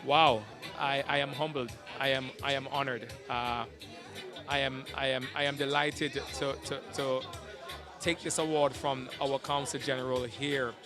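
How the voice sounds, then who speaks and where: A man's voice: mid-range voice, level tone, a little slow. A man in his sixties from Jamaica, an award honoree and radio producer, talking earnestly in an event interview and repeating words as he searches for them. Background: music.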